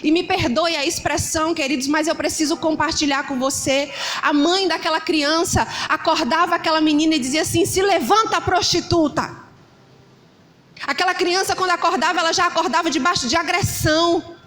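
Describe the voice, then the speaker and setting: High-voiced woman pastor preaching. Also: a little fast. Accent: Brazilian Portuguese, Ceará. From Brazil. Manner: animated storytelling, acting out shouting parents. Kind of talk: sermon.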